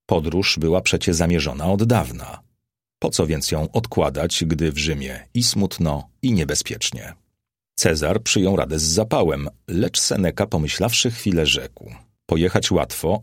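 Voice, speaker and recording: A man narrating a historical novel as an audiobook, reading in a measured, even way. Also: sits low, no echo, studio quality.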